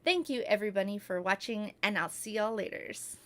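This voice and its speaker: A woman YouTube creator talking casually to her viewers, soft-spoken and rambling with many fillers. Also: medium pitch, fairly quick, slight background noise. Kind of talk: casual talk to camera.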